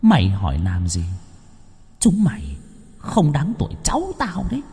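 A cackling, possessed country woman, as a male storyteller puts her on, her voice pushed high and shrill. She spits threats and scorn at everyone near her. A spirit speaks through her, savage and menacing. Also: wildly swooping pitch, moderate pace, mellow, husky, in a large hall, heavily acted. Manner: shrieking threats, contemptuous.

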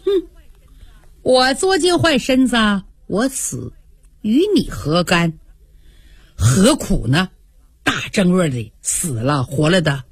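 A woman doing a sulky, sharp-tongued young noblewoman. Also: lowish voice, very animated, takes it slowly, pauses often, husky, no room sound, voice pushed down, exaggerated voice. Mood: angry. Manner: petulant, cutting.

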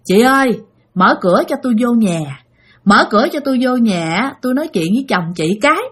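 A woman voicing the pleading ghost of a dead middle-aged man, speaking softly and hesitantly. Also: on the high side, animated, fairly quick, slightly rough. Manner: begging, soft and hesitant.

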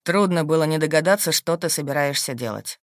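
Woman voicing a calm, shrewd husband. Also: deep voice, fairly quick, no echo, pitched below the performer's own voice, close to an everyday voice. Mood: calm, firm. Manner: steady, dry, matter-of-fact. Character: calm, shrewd, protective husband, adult man. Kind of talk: audiobook character voice.

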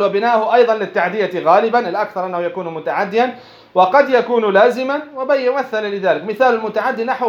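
A male religious teacher explaining a grammar text line by line, posing rhetorical questions and repeating phrases as he goes. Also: high-pitched. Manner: poses rhetorical questions then answers them. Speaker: Islamic studies teacher. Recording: dull lo-fi recording.

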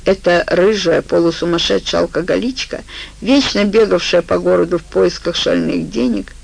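A woman reading an audiobook detective story in a measured, even narration. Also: on the low side, gravelly, a little hiss or hum, low-quality recording.

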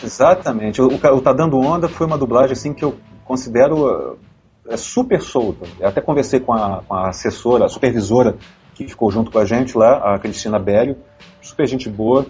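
A man, a voice actor and dubbing director, chatting casually on a podcast with an animated storytelling manner. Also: medium pitch, brisk, highs cut off. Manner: animated storyteller, acts out voices and laughs often.

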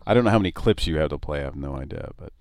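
A man's voice: a bass voice, lively intonation, very fast, darkish tone, no echo, studio quality. A man co-hosting a live show, chatting casually and often laughing, with rambling restarts. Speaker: podcast co-host. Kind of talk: casual prank-call commentary.

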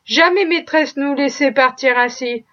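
A woman voicing a sly, boastful male stable hand who exclaims loudly and plays innocent, in a storybook reading. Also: high voice, measured pace. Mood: pleading. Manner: exclaiming, mock-innocent, excitable. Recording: dull lo-fi recording.

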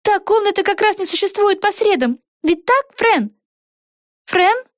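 In a storybook, a woman voices an excitable young witch girl, speaking fast in a very high voice and exclaiming eagerly. The audio is studio quality with no room sound.

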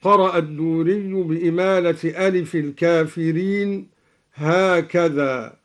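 A man explaining recitation variants in a measured, deliberate way, slowly intoning each verse he quotes as an example. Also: fairly high pitch, fairly even intonation. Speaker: Quran reading scholar. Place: radio studio.

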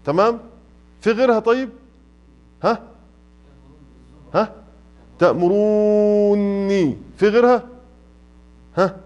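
Long pauses mark this Egyptian-accented Quran recitation teacher's somewhat slow delivery in a high voice, and the recording is muffled. He leads a tajweed lesson in a mosque classroom, lengthening his examples and putting questions to students.

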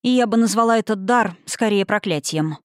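A woman voicing a cold, sharp-tongued, haughty young woman in an audiobook. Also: medium pitch, fairly quick, clear, resonant tone, dry recording, studio quality, natural voice.

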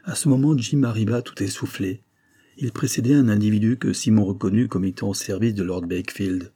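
Male audiobook narrator, measured and steady, mellow dark voice, husky. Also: fairly low pitch. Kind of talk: reading a classic novel aloud.

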